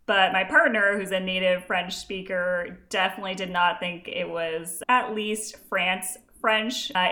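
A woman's voice: on the low side, sharp tone. A woman co-hosting a podcast, chatting casually about a TV episode and laughing often. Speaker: podcast co-host. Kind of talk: casual chat recapping a TV episode.

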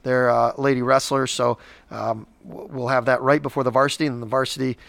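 A man's voice: medium pitch, flat delivery, brisk, vocal fry, a bit bright, no echo. A man in his forties rambles through school news on a casual podcast, often restarting his sentences. His voice sits in a middle range and is recorded dry and close, with no room sound. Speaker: school district podcast co-host. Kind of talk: casual chat.

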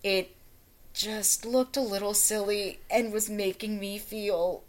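A woman's voice: medium pitch, steady tone, slow pace. A woman co-hosting a podcast, discussing a TV episode with dry, wry analysis. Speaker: podcast co-host. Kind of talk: casual chat about a TV episode.

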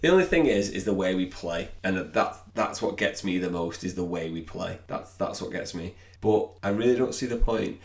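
A man's voice: deep voice, animated, normal speed, creaky, hardly any pauses. A man co-hosting a podcast in casual football chat, hesitant, often repeating himself and trailing off. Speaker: podcast co-host.

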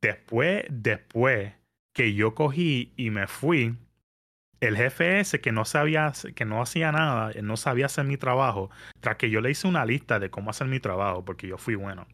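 A man, telling a story in casual podcast chat, animated and mixing in English words. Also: mid-range voice, moderate pace. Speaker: podcast guest. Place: New York area.

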